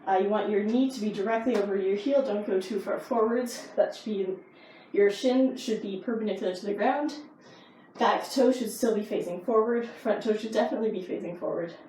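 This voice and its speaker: A woman karate instructor explains techniques in a casual, easygoing way, her medium-pitched voice brisk and warm. The mic is distant, so there's a roomy echo and faint noise.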